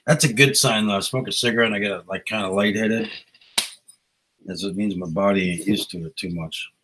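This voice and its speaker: Hosting a laid-back live stream over a small novelty microphone, a man with a fairly low voice talks a little fast against a noisy background. He rambles casually and greets his viewers by name.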